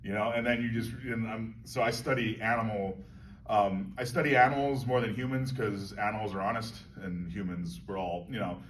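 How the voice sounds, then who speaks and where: A man's voice: fairly low pitch, fairly even intonation, normal speed, a bit bright, a little hiss or hum. A man in a casual convention interview, talking about acting in a musing, meandering way and laughing often. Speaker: actor being interviewed. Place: convention hall. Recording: distant mic with faint crowd ambience.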